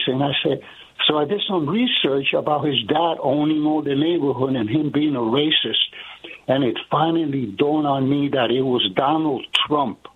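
A man in his sixties from Puerto Rico, raised in Brooklyn, earnestly telling a personal story to a radio host and peppering it with "you know". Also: fairly high pitch. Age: 60s. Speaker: radio caller. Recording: husky voice on a phone line.

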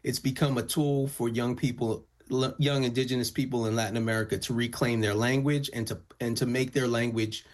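This interview guest is a musician whose first language is Spanish; he replies thoughtfully, frequently starting sentences over and leaning on fillers. He speaks fairly quickly with few pauses, in a steady, medium-pitched voice.

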